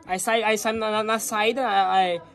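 A man's voice: high voice, fairly even intonation, moderate pace, a bit bright. A young man from the Northeast of Brazil telling a rambling story on a sofa, repeating himself as he goes. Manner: rambling, repeats words, laughs mid-story. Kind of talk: casual storytelling chat. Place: indoors on a sofa.

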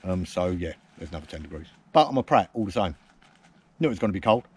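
Talking quickly and expressively, a low, slightly rough-voiced man from England jokes around on camera at a woodland camp. The camping vlogger ribs his mate and turns dry self-mockery on himself in relaxed outdoor chat, recorded by a camera set close on a tripod.

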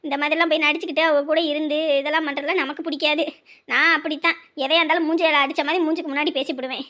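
Actress doing an older mother-in-law, high bright voice, blunt but soft now, slow earnest advice. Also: steady tone. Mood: tender. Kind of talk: family drama acting.

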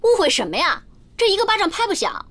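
An actress in a TV drama playing a brash, sharp-tongued woman lecturing her crying friend. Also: very high voice, huge pitch swings, quick pace, full character voice. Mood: bossy. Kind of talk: TV drama acting.

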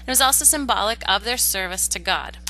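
A woman teaching a Bible study lesson, her voice bright and clear. She explains earnestly, often pausing with "uh" and restarting her sentences. A faint hum sits under the recording. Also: mid-range voice, poor audio.

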